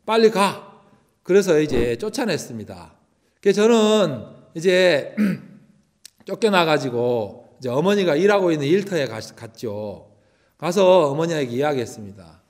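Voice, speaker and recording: A man's voice: a little high, sing-song, measured pace, a little mellow. A man, a missionary, preaching a sermon to teenagers and telling a story from his childhood, acting out the people in it.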